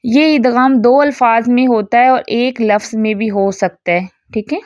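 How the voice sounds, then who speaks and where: A woman teaches a Quran recitation lesson, explaining each rule patiently and checking in often. Her voice sits a little high, and she slows right down to recite examples. The recording is dry and a little dull. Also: steady tone, darkish tone, dry recording. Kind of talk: online tajweed lesson.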